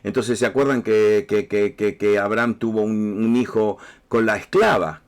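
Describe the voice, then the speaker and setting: In a sermon given with a Rioplatense Spanish accent, a pastor speaks conversationally and directly to the congregation, often repeating himself. His voice is fairly low, with fairly even intonation and a moderate pace.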